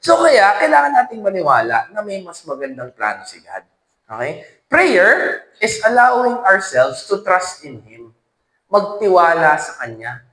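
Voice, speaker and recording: A man's voice: high voice, measured pace, echoey room, rough recording. A man giving a church teaching talk, telling stories and often asking the audience questions. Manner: animated storytelling with frequent questions to the audience. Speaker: speaker at a faith formation session.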